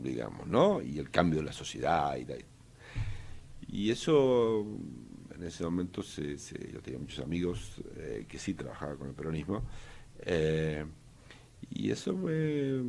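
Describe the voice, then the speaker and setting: An older Argentine man, an economist, answers interview questions casually in Argentine Spanish, hesitating with lots of fillers and restarts. His voice rumbles low, with vocal fry and a breathy edge.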